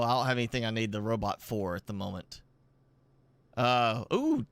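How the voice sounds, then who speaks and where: A man talking his way through a building game on stream, loose and rambling with easy chuckles. His voice sits in a middle register and sounds close and dry, with almost no room around it. He comes across as relaxed and unhurried, more thinking aloud than presenting. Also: medium pitch, no room sound. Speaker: gaming channel host. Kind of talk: casual live gameplay commentary. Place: indoors at home with a pet dog.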